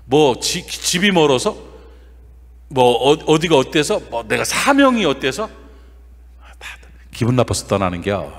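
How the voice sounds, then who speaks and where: As guest pastor in a church sanctuary, a man preaches a revival sermon in a folksy, lively style, firing quick questions at the congregation. His voice is a little high, trailed by a long reverb tail.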